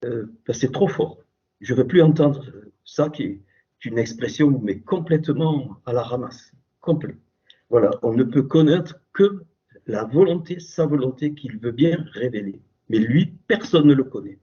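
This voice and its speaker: A man's voice: mid-range voice, lively intonation, unhurried, mellow, breathy edge. A man giving an emphatic spoken religious teaching as a Torah teacher over a computer call. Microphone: computer call microphone. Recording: dull lo-fi call audio.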